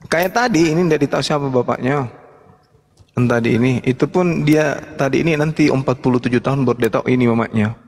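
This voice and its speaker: Gravelly-voiced man, blunt and mocking. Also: mid-range voice, quick pace, big-room sound. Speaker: host. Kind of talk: live-streamed religious discussion.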